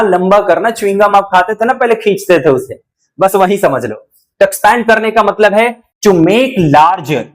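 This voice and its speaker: High-voiced teacher explaining word pairs. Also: male voice. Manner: explains patiently, repeats words many times, asks the viewer questions; switches between English and Hindi. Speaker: English teacher. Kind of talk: spoken English lesson.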